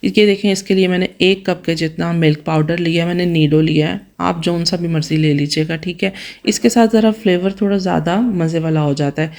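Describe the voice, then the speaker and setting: Hoarse, chatty woman from Pakistan. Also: lowish voice, fairly even intonation, a little fast, darkish tone. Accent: Pakistani Punjabi. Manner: chatty, addresses viewers directly, asks their opinion. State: hoarse, tired from fasting. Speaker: vlogger. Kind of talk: casual home vlog voice-over. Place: home in Germany, voice-over.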